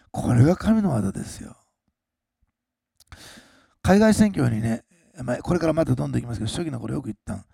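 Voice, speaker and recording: A very gravelly, husky-voiced man preaches a sermon, his pitch leaping lively up and down. He swings between loud, drawn-out emphasis and quick, low asides. The sound is dry and close. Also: no room sound. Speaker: pastor.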